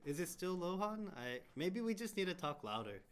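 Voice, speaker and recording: Relaxed man rambling on a home stream. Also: sits high, normal speed. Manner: relaxed, rambling, fiddling with the mic setup. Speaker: co-host, the host's partner. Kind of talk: casual livestream chat. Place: room at home.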